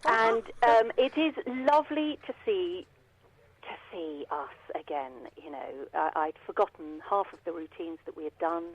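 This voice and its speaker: A woman's voice: on the low side, lively intonation, measured pace, slightly rough, low-quality recording. A woman in her fifties with an English accent, answering interview questions in a chatty, self-deprecating way. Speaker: radio interview guest, former dancer.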